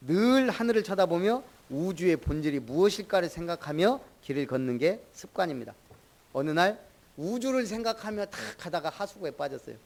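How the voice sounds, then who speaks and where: Pastor, middle-aged man, higher-pitched voice, chatty sermon delivery that quizzes the congregation by name. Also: lively intonation, brisk, gravelly, darkish tone. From Jeolla, Korea.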